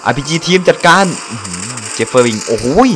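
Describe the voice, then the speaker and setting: A young man giving casual gameplay commentary, speaking quietly, exclaiming and laughing often. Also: medium pitch, lively intonation, fast talker. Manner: speaks quietly late at night. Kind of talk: casual let's-play commentary. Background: game music.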